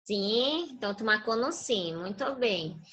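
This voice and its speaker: A woman's voice: fairly high pitch, expressive, unhurried, a bit bright, highs cut off. A woman teacher giving a patient online review class to young children over a video call, prompting them with fill-in questions.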